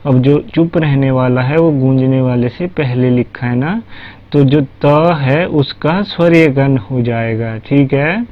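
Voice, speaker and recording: A man's voice: mid-range voice, a little slow. A man teaching a language lesson, patient and step by step, asking questions and answering them himself. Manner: patient, repeats "ठीक है", asks and answers his own questions. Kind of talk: slow spoken language lesson. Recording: dull lo-fi recording with faint music.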